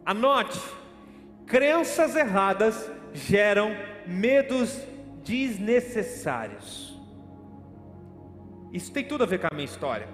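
A man's voice: very high-pitched, fairly bright tone. A Brazilian man preaching a sermon, telling a personal story with dramatic re-enactment and calling listeners brother. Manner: dramatic storytelling, acts out his own panic; addresses listeners as brother, asks questions. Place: church hall, streamed online. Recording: echoey hall with faint music.

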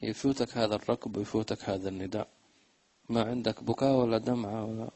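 A man teaching a religious lesson in a low, gravelly voice with a husky edge. He chants verses slowly and then talks to his listeners in fast, everyday speech. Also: little pitch movement, warm tone, poor audio.

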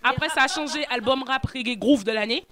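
A woman's voice: sits high, brisk, noisy background. A woman hosting a casual chat show, thinking aloud as she talks. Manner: chatty, thinks aloud with restarts. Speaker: host.

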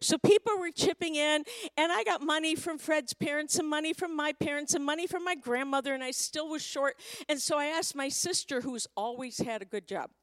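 Middle-aged woman preacher, high-pitched, dry and close, tells a personal story in a sermon and builds to loud, fervent calls. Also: fairly quick, dry recording. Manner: acts out quoted speech in storytelling.

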